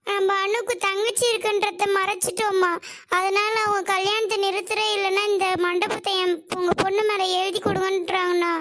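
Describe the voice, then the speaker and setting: A woman's voice: very high-pitched, level tone, normal speed, a bit bright. A woman voicing an anxious middle-aged mother of the bride who pleads and frets. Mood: fearful. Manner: pleading, tearful. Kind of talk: cartoon voice acting.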